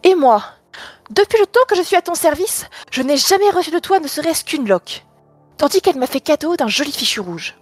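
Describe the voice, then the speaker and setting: An overworked servant from a fairy tale airing long grievances, voiced by a woman reader. She speaks high and emphatic. Dry, close reading. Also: expressive, brisk, dry recording, soft background music. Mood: resentful. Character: overworked female servant, resentful.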